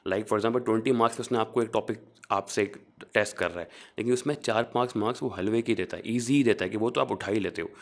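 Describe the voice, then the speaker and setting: A young man from Pakistan, a chartered accountant, talking in a relaxed interview and explaining things, often rephrasing as he goes. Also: fairly low pitch, fast. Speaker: guest, qualified chartered accountant. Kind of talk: casual interview, mixing English phrases.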